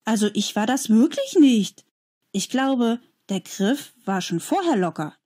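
A woman's voice: a little high, big pitch swings, measured pace, warm tone, husky, pitched above the performer's own voice, exaggerated voice. A woman voicing an earnest young schoolboy who pleads and believes in storybook scenes. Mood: anxious.

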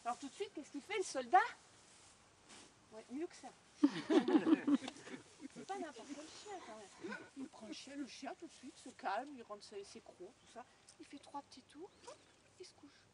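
A woman's voice: high-pitched, normal speed, long pauses, crowd noise. A woman telling a fairy tale aloud to a live audience, talking straight to her listeners. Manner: animated, addresses listeners directly. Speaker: storyteller. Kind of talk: live oral storytelling. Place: outdoors on a storytelling walk.

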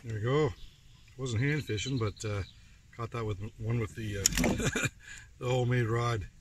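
A relaxed man in his forties talks through his fishing from a small boat on a lake. His voice sits a bit back from the camera mic. Loud outdoor noise and wind run underneath. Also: mid-range voice, unhurried, distant mic. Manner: relaxed, talks while casting and reeling. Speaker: outdoor vlogger. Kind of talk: casual fishing vlog. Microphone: action camera close to face.

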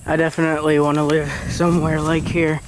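Young man, handheld camera tour, easygoing and a bit halting, pitched a little high, light hiss behind. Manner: relaxed, plain-spoken, a little halting. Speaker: family member filming a house tour. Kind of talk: casual handheld house tour. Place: rented farmhouse, indoors and out.

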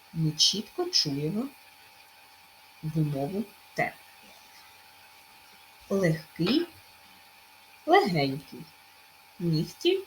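A woman teaching a primary school language lesson in a recorded remote class, clearly stressing each sound as she dictates. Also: mid-range voice, slight background noise, low-quality recording.

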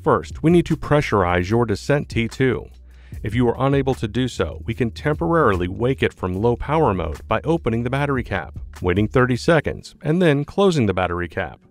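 A man reading scripted tutorial narration as a product support narrator, in a measured, clearly enunciated instructional manner. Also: mid-range voice, very animated. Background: background music.

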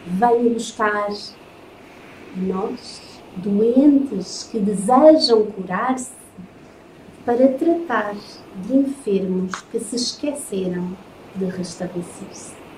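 A woman with a European Portuguese accent giving a spiritist lecture, reading from slides in slow, measured phrases with solemn pauses. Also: medium pitch, a little mellow. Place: lecture room in front of a projected slide. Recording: echoey room, faint noise.

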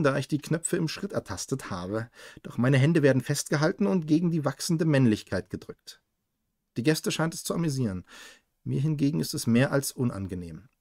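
A man's voice: mid-range voice, darkish tone, no echo, clean studio sound. A man co-hosting a livestream, reading a novel aloud with small stumbles and self-corrections.

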